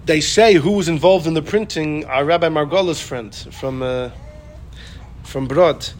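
A man teaching an informal Torah class, animated, often repeating himself and acting out the people he quotes. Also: a little high, a little slow, a little hiss or hum. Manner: animated, acts out quoted speakers, repeats phrases.

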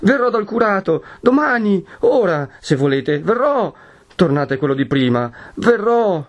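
A man's voice: mid-range voice, moderate pace, dark tone, dull audio, lightly acted. A man voicing a young woman who pleads through sobs in a storybook reading. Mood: pleading, tearful. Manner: sobbing, beseeching.

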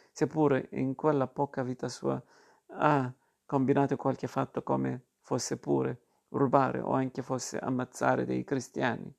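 A man's voice: medium pitch, vocal fry, darkish tone. A man reading aloud, voicing a superstitious woman who explains her beliefs with great seriousness. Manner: grave, insistent reasoning. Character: earnest superstitious woman of the household.

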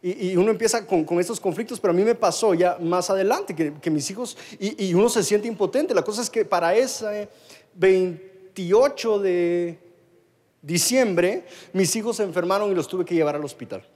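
High-voiced Guatemalan preacher. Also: male voice, normal speed, darkish tone. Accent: Guatemalan Spanish. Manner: storytelling, with many repetitions and restarts. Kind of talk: sermon to a live congregation.

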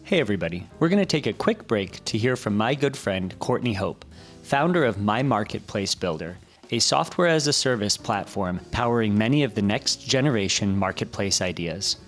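A man's voice: fairly low pitch, lively intonation, moderate pace, faint music behind. A man hosting a podcast interview in casual, effusive, informal chat.

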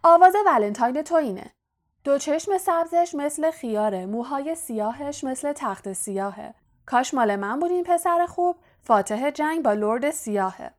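A woman's voice: high voice, animated, pitched above the performer's own voice. A woman voicing a cheeky male dwarf who chants a teasing valentine in a sing-song way.

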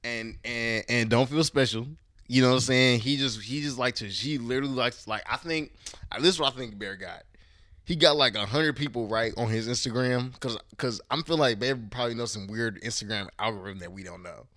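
A podcast guest from Houston, Texas, talks loosely in a casual conversation, full of slang and profanity, often trailing off and searching for words. His voice is medium-pitched and sharp, and he speaks briskly.

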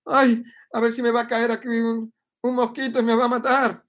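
A man's voice: very high-pitched, flat delivery, normal speed, a bit bright, voice pushed up. A man voicing a panicky, frightened person who whines and frets with sighs of "ay". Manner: whiny, fretful sighs of "ay".

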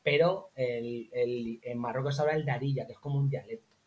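Man, interview guest, lively anecdote teller in relaxed chat. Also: a little fast. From Spain. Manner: animated anecdotes, acts out quotes in high voices. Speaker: interview guest, former teacher in Morocco. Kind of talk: casual conversational storytelling.

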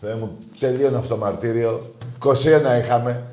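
A man co-hosting a fan talk show, teasing rivals with loud mock despair and muttered asides. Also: medium pitch, roomy sound. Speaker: sports radio co-host.

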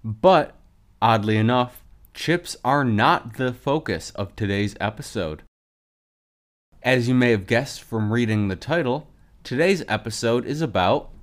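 A man hosting a casual solo podcast, speaking with a lisp in a chatty, enthusiastic way. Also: mid-range voice. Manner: chatty and enthusiastic about snack foods. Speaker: podcast host.

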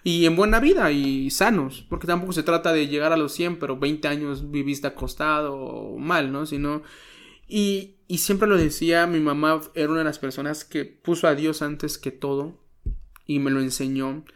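A man, a pastor telling an emotional personal testimony in an interview, earnest and halting, often dropping to a hush. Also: on the high side. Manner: earnest, halting, many restarts, drops to a soft voice when quoting prayers.

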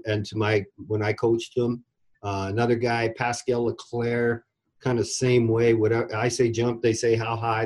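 A mid-range, slightly mellow male voice belongs to a middle-aged ex-goalie coach telling stories in an easygoing interview. His talk rambles, and he repeats words as he starts sentences over.

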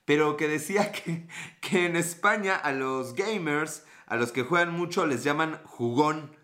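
A man's voice: on the high side, measured pace, pushed and bright. A man with a Mexican accent, live streaming and chatting casually with viewers, greeting them and answering their comments in slangy, profane talk.

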